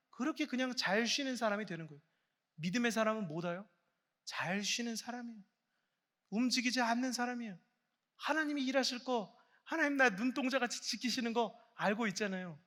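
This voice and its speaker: A man preaching to a congregation in a large church sanctuary, speaking into a pulpit microphone. His voice sits high and sounds bright and sharp. He swings between hushed, almost whispered lines and loud, exclaiming calls, and a long reverb hangs behind every phrase. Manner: earnest and encouraging, speaking directly to the congregation. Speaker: guest pastor preaching. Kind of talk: sermon at a Friday night prayer meeting.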